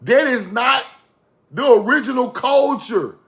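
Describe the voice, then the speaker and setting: Man, young, high gravelly voice, preachy catchphrase-heavy delivery to his chat. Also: expressive, unhurried, a bit bright. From Mississippi, USA. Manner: repetitive catchphrases, preachy and emphatic. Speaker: online video host. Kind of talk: casual talk to a live-chat audience.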